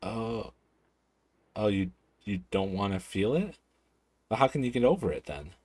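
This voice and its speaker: A man's voice: on the low side, very animated, unhurried, a little mellow, slightly rough, no room sound, exaggerated voice. A man voicing an innocent young girl who asks naive, curious questions.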